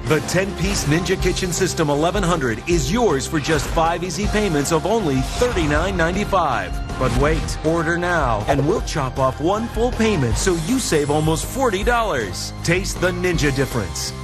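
High-pitched hard sell ad man. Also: animated, normal speed, few pauses. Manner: emphatic, urgent pitching. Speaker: infomercial announcer. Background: music behind the voice.

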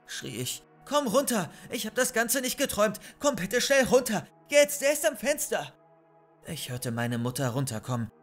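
A man in a mid-range voice reads a horror story aloud, measured and suspenseful in his pacing. Faint music plays softly behind him. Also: mid-range voice. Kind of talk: scripted narration of a horror story. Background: faint background music.

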